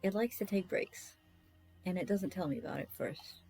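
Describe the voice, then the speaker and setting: Mellow-voiced woman rambling while drawing. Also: on the low side, normal speed, gravelly, a little hiss or hum, poor audio. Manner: self-deprecating, scattered, talks to herself. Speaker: artist streaming a drawing session.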